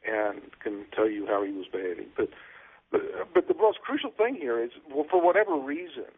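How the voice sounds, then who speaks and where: Man, guest, measured speech, phone-line sound. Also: medium pitch, animated, slightly rough. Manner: measured, many fillers and restarts. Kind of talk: casual discussion.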